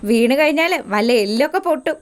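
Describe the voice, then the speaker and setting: A woman's voice: sits high, animated, moderate pace. Woman quoting a reproachful grown son. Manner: reproachful, scolding tone. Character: grown son scolding his mother, worried and firm.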